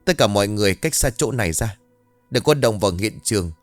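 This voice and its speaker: A commanding older village chief gives calm, firm instructions, as a male narrator plays him. His low voice sounds dry and close, with faint music under this spoken ghost story. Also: fast, dry recording, natural voice.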